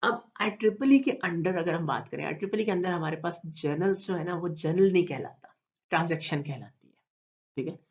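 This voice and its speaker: A man with a Pakistani Urdu accent giving a recorded online lecture, explaining slowly with repeated terms and many fillers. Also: fairly high pitch, lively intonation. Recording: dull lo-fi recording.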